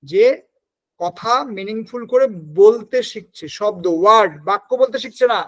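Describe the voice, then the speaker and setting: A man's voice: high-pitched, moderate pace. A male teacher giving an exam-prep lecture, explaining step by step, dropping in English terms and checking that his students follow.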